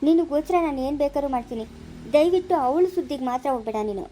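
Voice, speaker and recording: A woman's voice: sits high, racing, slight background noise. A performer playing a patient husband who soothes and reassures his wife in an amateur family drama skit. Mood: pleading. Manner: calm, coaxing and reassuring.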